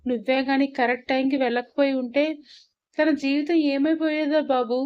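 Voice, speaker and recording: A woman's voice: high voice, level tone, moderate pace, muffled recording, lightly acted. A woman voicing an older mother, emotional and caring after a scare. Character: older mother, anxious and relieved.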